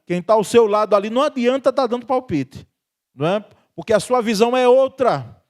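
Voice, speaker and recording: A man's voice: extremely high pitch, lively intonation, a little fast. A Brazilian man preaching a sermon as pastor of a church, speaking conversationally, chuckling often and tagging his sentences with questions to the congregation. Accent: Brazilian Portuguese.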